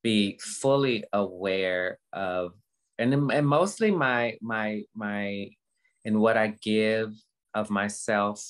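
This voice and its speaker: A guest in her fifties talks candidly in a conversational interview, her very deep voice earnest and halting. Like someone giving an informal motivational talk, she circles back to repeat words for emphasis.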